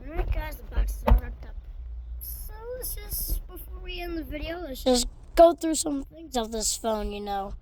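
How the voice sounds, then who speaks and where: A woman's voice: high voice, expressive, moderate pace, noisy background. A woman vlogging casually through an unboxing, rambling with lots of restarts, her voice stuffy from allergies.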